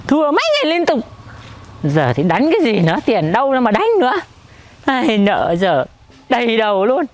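A young man playing a shrill scolding mother. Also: sing-song, moderate pace, a little hiss or hum, exaggerated voice. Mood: grumbling. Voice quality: shrill, scolding, stammering when flustered. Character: scolding gambling mother in debt. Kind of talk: comedy skit acting.

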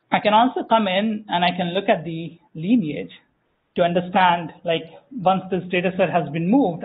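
A man giving a live software demo at a tech meetup, explaining step by step with frequent fillers and self-corrections. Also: high-pitched. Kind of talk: live conference demo walkthrough. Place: meetup room, small audience. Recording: tinny phone-like room audio.

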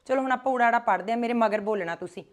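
A woman leads a children's language class, calling out each word slowly and loudly so the group can repeat it. Her voice sits high. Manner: slow, loud, drawn-out syllables for children to repeat. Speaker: Punjabi and Gurbani teacher. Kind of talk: call-and-response class teaching. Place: gurdwara classroom.

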